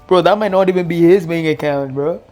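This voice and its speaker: A man's voice: on the high side, a little fast, a little mellow, faint music behind. A man co-hosting a podcast, reacting to stories in laid-back slang, calling people "bro" and chuckling. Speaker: podcast co-host.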